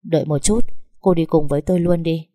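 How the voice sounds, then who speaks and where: A woman's voice: sits low, steady tone, brisk, warm tone, no room sound, clean studio sound. A woman voicing a shy young male office manager who speaks in an earnest, polite way.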